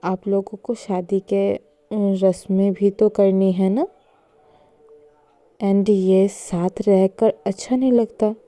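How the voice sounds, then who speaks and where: A woman reads the part of an older grandmother in an audio story, stern and scolding, her voice heavy and darkened. She speaks slowly and carefully, with a dry, close sound. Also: mid-range voice, steady tone, warm tone, dry recording, close to an everyday voice. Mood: gentle. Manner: scolding, then soothing.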